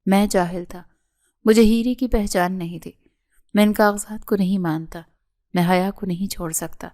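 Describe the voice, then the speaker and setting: A woman's voice: medium pitch, steady tone, a little mellow, lightly acted. A woman reading the lines of a proud young male doctor who pleads with his wife for forgiveness. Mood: pleading.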